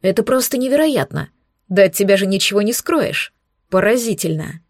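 Ней: женщина читает насмешливого инкуба. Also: female voice, medium pitch, expressive, moderate pace, no room sound, studio quality, lightly acted. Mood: amazed. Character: young male incubus, excitable and teasing.

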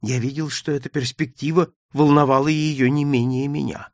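A man's voice: mid-range voice, fairly even intonation, normal speed, no room sound, studio quality. A man narrating a novel in the first person, reading it aloud with dramatic expression. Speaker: audiobook narrator.

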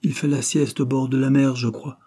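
A hard, unfeeling sea captain, put on by a male narrator, blunt and matter-of-fact in a storybook reading. The voice rides noticeably higher and louder than the narration, with a husky grain. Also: flat delivery, normal speed, natural voice.

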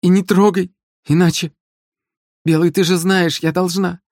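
A terrified young hired killer pleads in a high, strained voice, as a male storybook reader puts her on. She gabbles breathlessly, swallowing her syllables. The recording is dry and close. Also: level tone, normal speed, a little mellow, dry recording. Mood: frightened.

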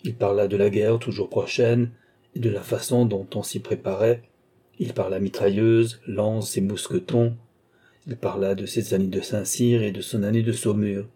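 A man narrating a short story in a measured storytelling manner. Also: lowish voice, little pitch movement, mellow, breathy edge.

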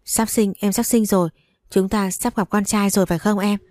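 A woman's voice: medium pitch, fairly even intonation, moderate pace, a little mellow, no echo, clean studio sound, natural voice. A woman reading a story aloud, voicing a flustered, panicky young husband who stammers and repeats himself.

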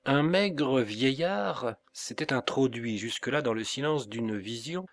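A man reading a classic novel aloud as an audiobook narrator, in a slow, measured and expressive way. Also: mid-range voice. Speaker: audiobook reader.

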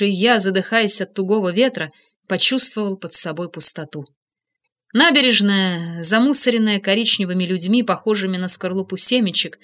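A woman narrates a first-person adventure audiobook with steady, expressive phrasing. Her tone is bright and forward, set at a middle pitch. The reading stays even and clear throughout.

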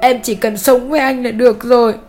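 A scheming stepmother whines and sniffles with fake pity, voiced by a woman. She is pitched above the narrator's own voice and sounds soft and slightly off-mic. Soft music plays beneath the reading. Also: steady tone, fairly quick, lightly acted. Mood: fake pitiful. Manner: whiny, sniffling, fake-pitiful.

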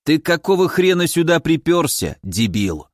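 A cranky little ancient hermit, as a male narrator puts him on, slow, gruff and bossy. His voice rises and falls sharply as he grumbles and demands answers. The reading is close and dry, with no room sound. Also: on the high side, very animated, no room sound, voice pushed up.

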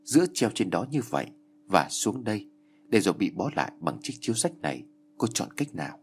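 A man doing a calm, stern old boatman. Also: lowish voice, a little fast, slight background noise. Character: calm, mournful old boatman judging a killer.

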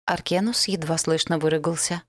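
A woman's voice: low voice, fairly even intonation, normal speed, dry recording, studio quality. A woman narrating a first-person novel in an emotional, intimate manner. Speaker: audiobook narrator.

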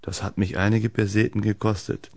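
A man reading the lines of a calm male doctor who tells his own mishap story in a deep voice. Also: normal speed, creaky, no room sound. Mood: matter-of-fact.

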